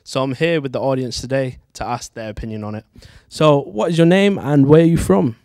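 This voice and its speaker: This studio show host, a Mancunian in his twenties, has a mid-range, slightly mellow voice and speaks fairly quickly. Holding a handheld mic, he hosts and interviews in a chatty way inside a dark, tiered-seat studio theatre, recorded at studio quality without room sound.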